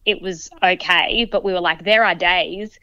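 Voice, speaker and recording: Woman, podcast co-host, earnest, animated, dry close sound. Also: lowish voice, normal speed, smooth, dry recording, muffled recording. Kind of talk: casual chat.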